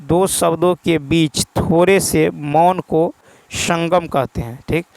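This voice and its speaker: In a rough recording with no room sound, a man who teaches exam prep explains a practice test answer by answer. His slightly high, darkish voice is steady with vocal fry, and he reads the English questions slowly word by word, repeating each key term and asking himself the answer.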